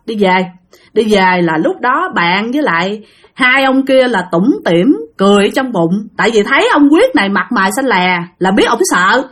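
A woman's voice: on the high side, slightly rough. A woman casually telling a ghost story, chatting straight to her listeners.

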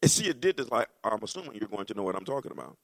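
Male pastor, gravelly, animated sermon delivery, acts out scenes. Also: lowish voice, rapid-fire. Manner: animated preaching, acts out dialogue, rises to shouts.

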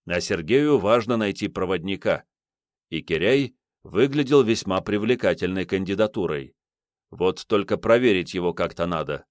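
A man's voice: lowish voice, no room sound, clean studio sound. Man narrating an audiobook.

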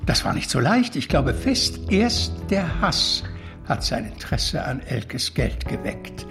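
An actor gives a full character voice to an art-world witness in a German radio drama, a cultured, anguished man who justifies himself earnestly and with a troubled air, choosing formal, deliberate phrases. His medium-pitched male voice is creaky with big pitch swings, and music plays in the background.

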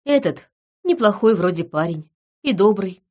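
A woman voicing a gruff, brooding man feared as a monster, speaking low and hushed in an audiobook reading. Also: animated, moderate pace, natural voice.

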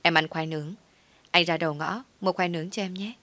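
A woman's voice: on the low side, fairly even intonation, brisk, sharp tone. A woman voicing a bossy, forgetful young wife who scolds her husband. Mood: sheepish. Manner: scolding, nagging.

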